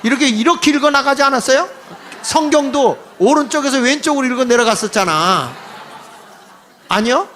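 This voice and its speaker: A man in his sixties giving a history lecture to an audience, animated and mocking, with quips and laughing asides. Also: extremely high pitch, moderate pace, slight background noise.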